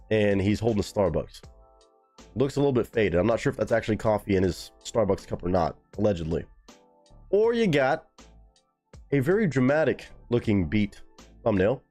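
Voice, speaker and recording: A man chatting casually on a live stream, his voice moving in a lively, animated way. He talks loosely and swears freely while answering his chat. Faint music plays behind him. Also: mid-range voice.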